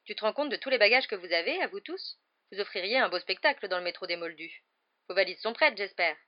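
A woman's voice: medium pitch, lively intonation, quick pace, lightly acted. A woman voicing a stern, scolding middle-aged mother in a storybook reading, with a slightly dull recording. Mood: bossy. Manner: sharp, scolding.

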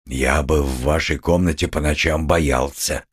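A man's voice: very deep voice, fairly even intonation, unhurried, slightly rough, exaggerated voice. A man playing a brooding, gloomy young man who speaks curtly. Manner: curt, gloomy, softening at times.

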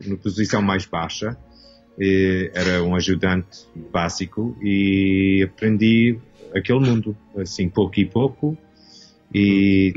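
A man in his fifties, born and raised in Canada, with a very low voice. He talks in a hesitant way, searching for words and restarting often. The recording sounds a little dull, with faint music in the background. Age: 50s. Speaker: guest costume designer. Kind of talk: casual interview talk.

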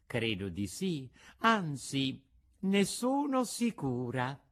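A man voicing a gentle, patient motherly fairy woman in a storybook reading, soft, measured and admonishing. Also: medium pitch, wildly swooping pitch, exaggerated voice.

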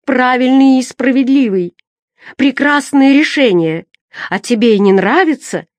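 A woman voicing a crazed, shaggy-haired female prisoner, slightly hoarse, breaking into shrill, excited outbursts in a storybook reading. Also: measured pace, no echo, studio quality. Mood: frenzied.

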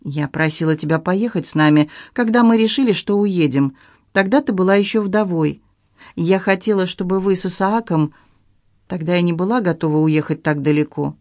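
A woman's voice: fairly low pitch, normal speed, darkish tone, dry recording, clean studio sound, lightly acted. A woman voicing an older mother who speaks frankly and earnestly to her daughter.

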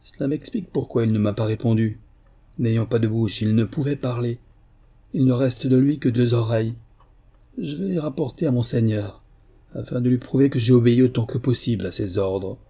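A man reading aloud voicing a menacing ghostly samurai warrior with a deep, hoarse voice, commanding and quick to anger. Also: mellow. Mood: cold, grim. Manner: commanding, growing furious.

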